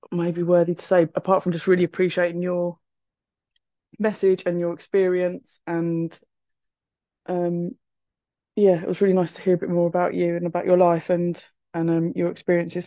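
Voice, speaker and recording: A woman's voice: on the low side, mellow, no echo. A woman sharing hesitantly at an online recovery meeting, with many ums, over a video call. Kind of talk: hesitant personal share. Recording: slightly dull video call audio.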